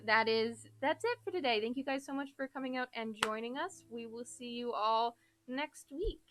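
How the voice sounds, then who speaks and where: A woman's voice: high voice, fairly bright tone. A woman hosting a casual live stream from home, chatting playfully and talking to her dog.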